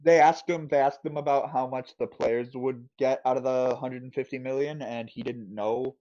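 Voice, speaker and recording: A man's voice: mid-range voice, steady tone, moderate pace, warm tone, dull audio. A man co-hosting a casual sports podcast, making joking asides. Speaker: podcast co-host.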